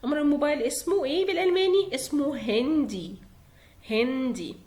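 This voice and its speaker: A woman with an Egyptian Arabic accent teaching pronunciation. She draws words out slowly for learners to repeat and asks and answers her own questions. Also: high-pitched, a little mellow. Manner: slow, drawn-out modelling of words for repetition. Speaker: German teacher. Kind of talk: pronunciation lesson.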